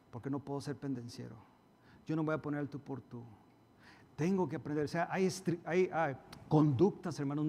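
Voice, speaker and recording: A male pastor preaching a sermon, emphatic, acting out quarrels in a raised voice and dropping to soft asides. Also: on the high side. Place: church hall. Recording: reverberant church hall.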